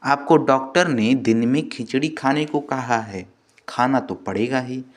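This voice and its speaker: A man voicing a patient, dutiful young daughter-in-law who answers softly. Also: medium pitch, unhurried, natural voice. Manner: soft, dutiful replies.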